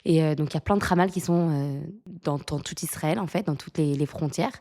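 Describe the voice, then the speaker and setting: A woman in her thirties from France, a podcast guest telling lively stories in a casual chat, laughing often and using lots of fillers. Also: low-pitched, brisk. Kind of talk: casual storytelling interview.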